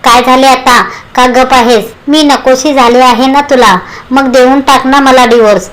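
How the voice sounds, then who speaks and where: A furious young wife who gives sharp, stubborn answers in a storybook reading, voiced by a woman. She speaks in a high voice. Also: steady tone, moderate pace, rough recording. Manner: angry and cutting.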